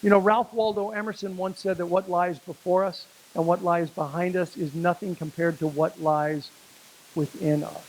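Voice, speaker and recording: High-voiced man giving a motivational talk. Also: steady tone, darkish tone, low-quality recording. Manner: storytelling, slows down for emphasis. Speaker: speaker at a business networking event. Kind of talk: motivational speech with a told joke.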